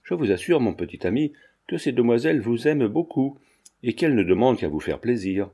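A bold, kindly young student speaks softly and coaxingly to a little boy, as an audiobook reader puts him on. The tone is mellow and warm. It stays in an ordinary middle register. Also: medium pitch, sing-song, brisk, husky. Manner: gentle, coaxing with the child. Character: bold young male student, kind and teasing. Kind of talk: audiobook character reading.

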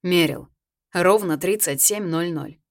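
A woman voicing a teasing, tender army major who is ill, speaking softly and wryly in an audiobook. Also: lowish voice, unhurried, creaky.

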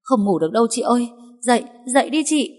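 A woman's voice: medium pitch, fairly quick, close to an everyday voice. A woman voicing a timid young housemaid who stammers and pleads anxiously. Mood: panicked. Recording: long hall reverb.

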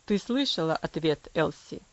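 A woman voicing a strict, cold father who speaks in a low, commanding, measured voice in an audiobook. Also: expressive, no echo, dull audio. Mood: stern, cold. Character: stern cold father, strict then tender.

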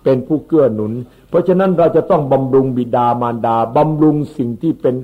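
Male Buddhist monk, unhurried sermon, repeats words, tinny phone-like sound. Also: fairly high pitch, faint music behind. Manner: unhurried, explains Pali terms, repeats words. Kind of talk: Dhamma sermon.

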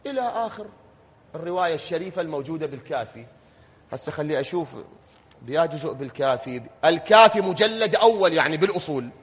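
A high-voiced Iraqi man delivers a mourning sermon, sliding from hushed, low remarks to loud, wailing cries. He drags quoted words out slowly. The recording is muffled, and long reverb from a large hall trails each phrase. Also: husky. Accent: Iraqi Arabic. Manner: swings from low quiet talk to loud shouted wailing. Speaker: preacher. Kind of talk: Shia mourning sermon from the pulpit.

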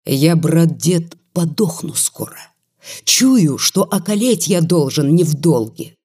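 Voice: medium pitch, expressive, takes it slowly, darkish tone. A reader doing a defiant crippled peasant lad. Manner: rough rustic speech, bold and scornful. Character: crippled young peasant man, bitter and defiant. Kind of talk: audiobook reading.

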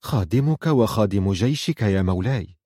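A man voicing a calm, loyal chess vizier who answers the king quietly and hesitantly. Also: lowish voice, moderate pace, no room sound, studio quality. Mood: calm deferential.

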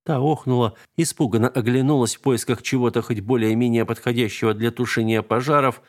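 A male audiobook narrator with an ordinary, middle-pitched voice. He tells the story at an even pace. His delivery stays steady and scripted. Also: fairly quick.

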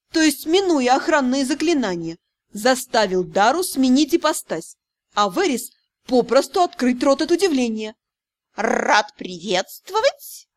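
A woman narrating a first-person fantasy audiobook in an expressive, animated storytelling manner. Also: high-pitched.

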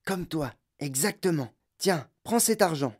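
An old, frail grandfather in a storybook reading, hushed but bubbling with eagerness, put on by the reader. The voice sits higher than the narration and leans in close. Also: lively intonation, measured pace. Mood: eager hushed. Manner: hushed, eager, raised pitch. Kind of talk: audiobook reading.

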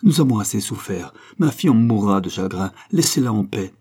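A man voicing a frightened, indignant middle-aged mother, speaking in loud, pleading outbursts. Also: lowish voice, animated, fairly quick, slightly rough. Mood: distressed.

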